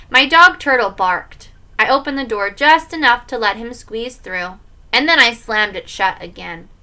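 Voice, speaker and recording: A woman reading a children's book aloud in an expressive way. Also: on the high side. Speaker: story reader.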